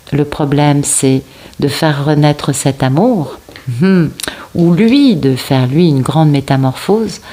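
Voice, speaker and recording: A woman with a French accent giving a casual tarot reading, often pausing to find her words and talking straight to her viewers. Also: deep voice, darkish tone. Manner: searching for words, many fillers and restarts; addresses viewers directly, seeking agreement. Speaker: tarot card reader.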